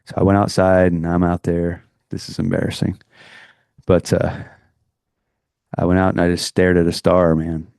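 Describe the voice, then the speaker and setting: A man's voice: sits low, completely flat delivery, moderate pace, creaky, long pauses, a little mellow, clear, resonant tone, dry recording, studio quality. A middle-aged man co-hosting a podcast, telling a personal story in a rambling, earnest way with many restarts. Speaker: podcast co-host. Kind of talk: casual chat, storytelling.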